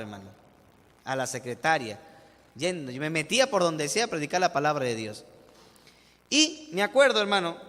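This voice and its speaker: A young Peruvian man in his twenties preaches from the pulpit, telling stories in a lively way. His voice sits high and rings bright and forceful. The sound rolls out in a long church reverb. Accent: Peruvian Spanish. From Peru. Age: 20s. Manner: animated storytelling preacher, addresses listeners as "hermano". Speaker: pastor. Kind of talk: sermon.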